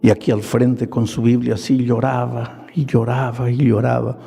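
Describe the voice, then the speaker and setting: A middle-aged man, a pastor, telling a story in a sermon at an earnest, measured pace and acting out the dialogue in it. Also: medium pitch, level tone, creaky, dark tone, breathy edge. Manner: slow, earnest storytelling that acts out quoted dialogue. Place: large hall. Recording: long reverb of a large hall.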